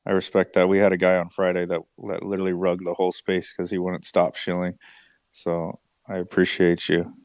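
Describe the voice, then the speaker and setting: Low-voiced bro-ish guy hosting casual chat. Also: completely flat delivery, fairly quick, no room sound, clean studio sound. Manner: bro-ish frat-guy slang and swearing. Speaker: host of a live audio chat room.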